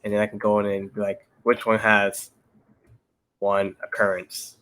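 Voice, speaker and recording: Preparing for interviews, a young man talks casually through a coding problem one step at a time, relaxed and patient in a pair-programming style. He speaks at a moderate pace in a level, somewhat low voice that's a bit bright.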